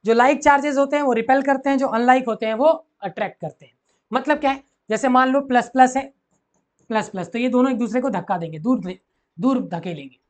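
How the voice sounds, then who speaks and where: A man's voice: extremely high pitch, quick pace. A man teaching physics to school students, who repeats key phrases and keeps asking the class questions. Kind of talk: classroom lecture mixing Hindi and English.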